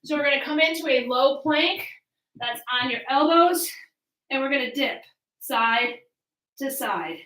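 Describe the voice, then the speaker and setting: A woman with a high, bright voice leads a workout from a little way off in an echoey room. She coaches in encouraging cues and counts, taking her time over the instructions. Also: expressive, a little slow, pauses often. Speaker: fitness coach leading a home workout. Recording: roomy echo, distant from mic.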